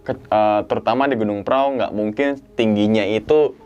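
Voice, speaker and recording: A man's voice: on the low side, steady tone, normal speed, darkish tone, clear, resonant tone, dull audio, faint music behind. A man hosting a casual podcast chat, asking questions and cracking jokes. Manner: chatty, jokey, frequent backchannel questions. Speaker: podcast host.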